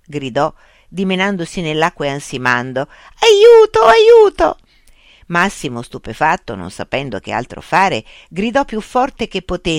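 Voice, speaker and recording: A narrator reading a story aloud in an expressive, carefully paced way. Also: mid-range voice, no echo, studio quality.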